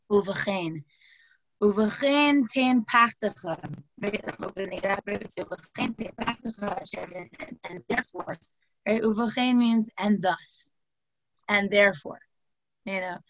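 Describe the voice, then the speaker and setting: A woman's voice: mid-range voice, poor audio. A woman teaching a class, asking her listeners question after question and mixing Hebrew terms into her talk. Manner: lively, asks questions, uses Hebrew terms. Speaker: Torah teacher. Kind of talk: classroom lecture.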